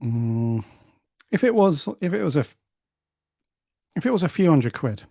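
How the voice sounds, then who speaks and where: A man's voice: fairly high pitch, big pitch swings, measured pace, vocal fry, dark tone, dry recording, clean studio sound. A man co-hosting a podcast, talking in an easygoing, enthusiastic way. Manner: easygoing, enthusiastic fan talk. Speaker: podcast co-host. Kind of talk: casual chat.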